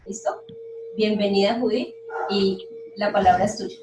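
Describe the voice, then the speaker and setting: A woman's voice: medium pitch, steady tone, unhurried, echoey room, far from the mic, background noise. A woman teacher introducing a guest speaker informally, with fillers. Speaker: teacher moderator.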